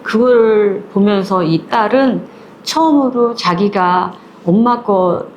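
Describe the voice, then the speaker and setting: A woman's voice: mid-range voice, takes it slowly, dull audio, slight background noise. A woman retelling a short story in a casual, chatty way, acting out the characters as she goes. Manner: lively, chatty, acts out the characters.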